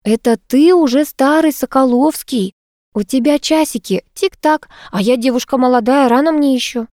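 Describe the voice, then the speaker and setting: A woman's voice: medium pitch, expressive, brisk, a little mellow, no room sound, clean studio sound, lightly acted. A woman voicing a bossy, playfully teasing young woman friend in an audiobook. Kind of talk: audiobook character reading.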